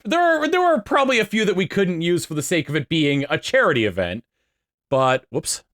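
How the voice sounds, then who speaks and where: A man's voice: high-pitched, sing-song, a little fast, a bit bright. A man chatting casually while he reacts to video clips, rambling with fillers and laughing often.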